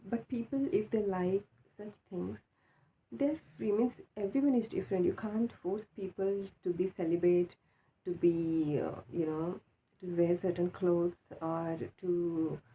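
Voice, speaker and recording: A woman with an Indian accent giving a casual, halting, unscripted opinion monologue, repeating herself for emphasis, just awake with a swollen mouth. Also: lowish voice. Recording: tinny phone-like sound with faint noise.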